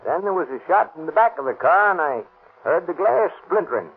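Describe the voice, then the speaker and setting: A wary old prospector who has seen plenty of shooting scrapes. His husky voice rises and falls in a lively, folksy drawl. It comes through a tinny 1930s radio broadcast. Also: a little high, brisk, full character voice. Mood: recounting. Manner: folksy rural Western speech. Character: old male ex-gold miner, wary and plainspoken.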